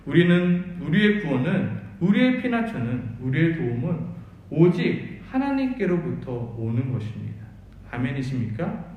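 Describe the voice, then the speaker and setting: A man's voice: a little high, heavy reverb, slight background noise, low-quality recording. A male pastor preaching a sermon, earnestly asking the congregation rhetorical questions. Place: church sanctuary.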